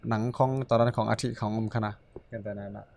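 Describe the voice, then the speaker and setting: A man hosting a casual podcast chat, speaking quietly and murmuring softly while he listens. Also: on the low side, little pitch movement, quick pace, vocal fry.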